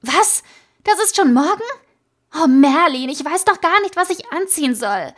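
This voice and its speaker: A woman voicing a stressed, overworked teenage girl in a fan audiobook, pitched higher and louder than her narration. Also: animated, measured pace, breathy edge, exaggerated voice. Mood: panicked.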